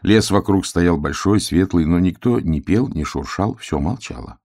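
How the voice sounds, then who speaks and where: A man narrating a children's storybook in a calm, measured way. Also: deep voice. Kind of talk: storybook reading.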